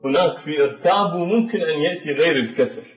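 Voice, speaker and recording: A man teaching a tajweed lesson, explaining pronunciation rules slowly and deliberately, repeating each example word. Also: fairly high pitch, recorded from a distance. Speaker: Quran recitation teacher. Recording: dull echoey room recording.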